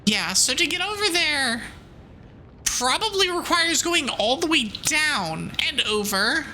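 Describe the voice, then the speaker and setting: A woman's voice: sits high, very animated, a little slow, sharp tone, slight background noise. A woman livestreaming a game and chatting to viewers in a cute, bubbly anime-streamer manner, playful and mock-bossy. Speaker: streamer, VTuber.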